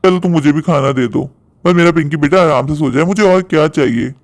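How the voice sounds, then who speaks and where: A caring cartoon father, voiced by a performer, gentle but stern when crossed. The voice sits at a middle pitch and is recorded dry and close. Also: fast talker, dry recording, natural voice. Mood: soothing. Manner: gentle with daughter, stern with wife. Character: caring father, adult man. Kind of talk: cartoon story voice acting.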